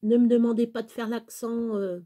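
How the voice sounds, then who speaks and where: A YouTuber from Touraine, France, with a Touraine French accent, talks to camera on her channel in a loose, rambling chat full of fillers and restarts. Her voice is a little high and dark, with a level tone and moderate pace.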